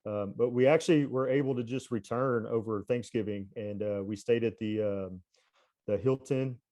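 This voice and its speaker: Chatting as a guest, a baseball coach in his thirties speaks with a mild Texas accent, rambling through fillers and false starts in casual conversation. He has a dark voice on the low side and talks at a normal speed.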